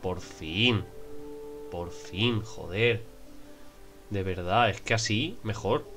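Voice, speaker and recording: A young man with a Spain Spanish accent giving casual gameplay commentary, excitable and prone to swearing and shouting in frustration. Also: fairly low pitch, takes it slowly, soft background music. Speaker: gameplay streamer.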